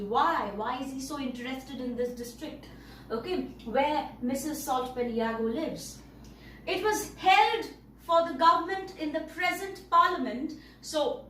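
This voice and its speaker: A woman teaching an English story lesson, explaining words slowly and checking in with "okay" and "all right". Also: sits high, pushed and bright. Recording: roomy, distant mic, faint noise.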